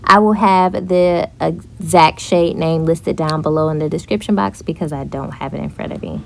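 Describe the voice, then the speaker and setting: A young woman narrating a casual makeup tutorial, chatty and relaxed, with frequent fillers. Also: deep voice, moderate pace, vocal fry, slight background noise. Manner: chatty, with frequent ums and likes. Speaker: beauty vlogger.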